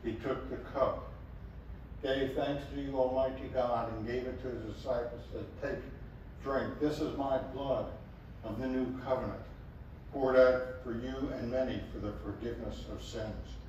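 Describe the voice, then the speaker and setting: A man leading a communion service as pastor, reciting the prayer in a measured, solemn way. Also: medium pitch, fairly even intonation, darkish tone, lo-fi sound. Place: chapel. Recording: echoey chapel, distant mic, faint room noise.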